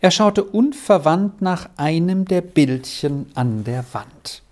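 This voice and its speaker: An audiobook narrator reading a children's novel with expressive, unhurried storytelling. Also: mid-range voice.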